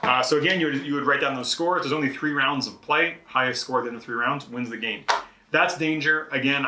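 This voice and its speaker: A man's voice: mid-range voice, pushed and bright, reverberant. A man explaining the rules of a card game as he plays, chatty and self-deprecating about his own moves. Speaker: board game publisher host teaching rules. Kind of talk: rules teach during live play. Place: indoors at a game table.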